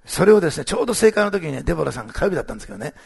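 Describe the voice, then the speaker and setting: A man's voice: fairly high pitch, big pitch swings, very fast, gravelly, breathy edge. A middle-aged male pastor giving church announcements and sharing a testimony, rambling with many fillers and restarts.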